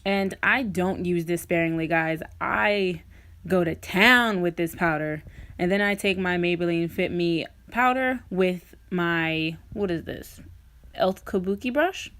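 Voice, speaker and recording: A woman's voice: fairly low pitch, unhurried, a bit bright. A woman talking informally and directly to viewers in a casual, chatty makeup tutorial voice-over. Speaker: beauty vlogger.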